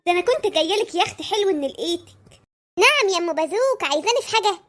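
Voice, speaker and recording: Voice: very high-pitched, animated, very fast, a bit bright. A performer voicing a spoiled, demanding Egyptian housewife who talks in a whiny, coaxing way.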